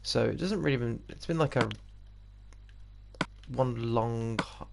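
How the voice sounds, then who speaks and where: A gaming streamer from England, a man in his twenties with a British accent, chats casually and rambles as he plays, laughing often. His mid-range voice is gravelly and unhurried. Game music plays against a noisy background.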